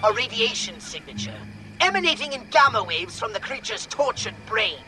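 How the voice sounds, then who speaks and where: An actor playing a pompous, exasperated alien commander in a video game, speaking precisely and with sardonic scorn. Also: male voice, extremely high pitch, sing-song, normal speed, bright, forceful tone, faint music behind, full character voice, poor audio. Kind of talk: video game character acting.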